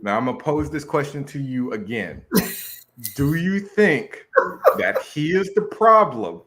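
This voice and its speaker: A man's voice: mid-range voice, big pitch swings, unhurried, fairly bright tone. A man hosting a casual chat, putting questions to his guest with a chuckle. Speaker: host.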